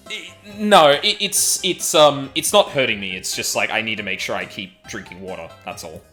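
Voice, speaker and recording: A man's voice: fairly low pitch, normal speed, sharp tone, soft background music. A man hosting a game playthrough, chatting casually between scenes. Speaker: gameplay host and voice performer.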